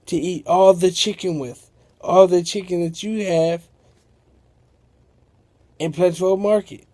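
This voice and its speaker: A hulking, hungry woman looms over a small shopkeeper in a storybook tale, voiced by a man. She speaks slowly in a mellow, fairly high voice, smug and threatening, always thinking about food. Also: steady tone. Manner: greedy, threatening. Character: huge hungry woman, menacing giant of a neighborhood.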